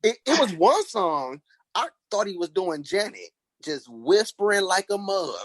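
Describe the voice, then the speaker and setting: Man, podcast co-host, casual chat, lively swooping pitch, frequent laughter, dry close sound. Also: no echo. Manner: animated, laughs often, drawn-out storytelling. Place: at work, listening on headphones.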